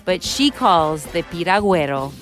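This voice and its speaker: A woman co-hosting a radio podcast, reading a brisk, upbeat scripted promo. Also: on the low side, animated. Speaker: podcast co-host. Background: music bed.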